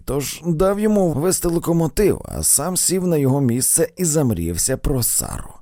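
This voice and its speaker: A man's voice: mid-range voice, dark tone, no echo, clean studio sound. A man reading an audiobook, voicing a male railroad engineer who tells of his adventures and keeps bragging about his luck. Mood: recounting. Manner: storytelling, boastful of his luck.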